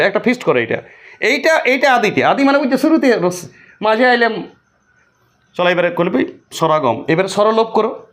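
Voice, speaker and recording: A man teaching a grammar lesson for exam students, talking to the listener in a colloquial, repetitive way with many rhetorical questions. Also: high-pitched.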